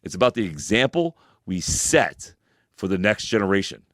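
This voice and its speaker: A man's voice: very animated, normal speed, fairly bright tone, no room sound, clean studio sound. A man, co-hosting a casual podcast chat and speaking emphatically, with heavy swearing and a preachy tone. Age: 40s. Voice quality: deep voice. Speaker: podcast co-host.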